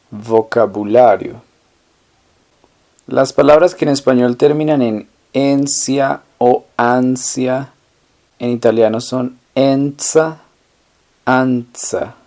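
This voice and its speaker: Male language tutor, unhurried delivery, middle-pitched voice, poses a phrase then repeats the answer. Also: mellow. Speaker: language teacher. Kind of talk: slow, deliberate language lesson narration.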